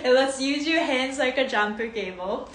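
A movement coach in her thirties, originally from Japan and a native Japanese speaker, streams a class live from her living room with bubbly, sing-song greetings and frequent laughs. Her voice sits high and is a bit bright, at a moderate pace. A phone camera picks her up close and later from across the room, which is echoey with faint noise.

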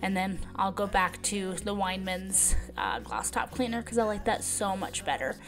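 Chatty woman vlogger, soft music under. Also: medium pitch, normal speed. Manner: chatty, rambling with many ums. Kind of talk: casual voice-over narration.

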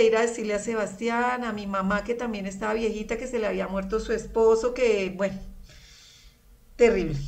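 A woman's voice: fairly high pitch, gravelly, recorded from a distance. A middle-aged woman with a Colombian accent, a guest giving an emotional, earnest faith testimony and often addressing the priest.

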